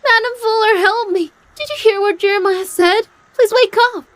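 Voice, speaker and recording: A woman's voice: a little high, moderate pace, soft background music, lightly acted, rough recording. An actress playing a manipulative young woman, scheming and pleading in a clingy way. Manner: pleading, whiny when spurned. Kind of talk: dubbed drama acting.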